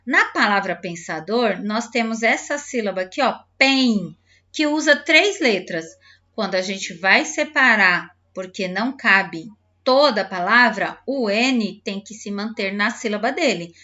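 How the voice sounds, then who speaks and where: A woman teacher patiently explaining a textbook lesson to young pupils, slowly sounding out syllables and talking directly to the children. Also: medium pitch, expressive, pushed and bright, lo-fi sound. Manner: spells out syllables slowly, clapping out words. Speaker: primary school teacher.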